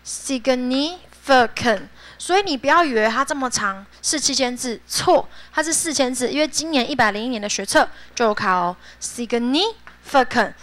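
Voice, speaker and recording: A high-pitched woman runs a high school English vocabulary class, her voice bright and forceful. She chats playfully with her students, laughs often and drills each word aloud. It sounds like a classroom lesson. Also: expressive, a little fast, few pauses.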